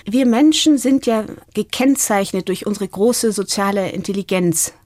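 Woman, middle-aged, researcher talking birds, calm explainer voice, very dry sound. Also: mid-range voice, normal speed, dry recording. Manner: thoughtful, explanatory. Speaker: guest, parrot and raven researcher. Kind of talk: podcast interview.

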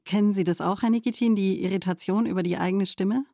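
A woman interviewer poses formal, measured questions. Her voice is mellow and dark, recorded dry and close with no room sound. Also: mid-range voice, fairly even intonation, no echo. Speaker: radio interviewer.

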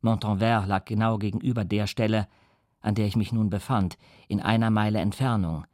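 A man reading a classic novel aloud as calm, measured first-person audiobook narration. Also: on the low side, no room sound, clean studio sound. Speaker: audiobook reader.

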